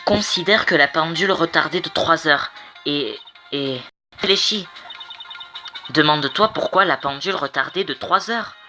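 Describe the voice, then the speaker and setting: Game read-along: a man doing a firm coaching lady boss, bright voice. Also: on the high side, moderate pace, soft background music. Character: female mentor lawyer, firm and encouraging. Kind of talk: amateur game voice-over.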